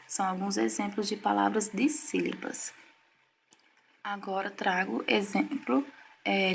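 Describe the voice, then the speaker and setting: A woman teacher giving a recorded language lesson, explaining in a measured way and often checking in with the listener. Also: medium pitch, creaky, a little hiss or hum. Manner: measured, explaining slowly with frequent "certo?" checks.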